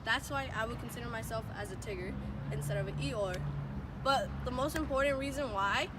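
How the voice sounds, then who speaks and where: A student somewhere between her teens and young adulthood speaks in a slightly high, fairly quick voice, offering an earnest, informal personal speech like she's telling a story to friends. The distant microphone picks up a clearly noisy urban backdrop.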